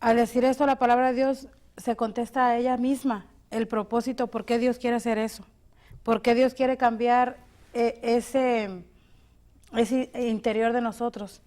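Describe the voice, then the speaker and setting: A woman's voice: a little high, flat delivery, measured pace, darkish tone. A woman co-hosting a devotional show, steadily explaining and reading Bible verses aloud. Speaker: co-host.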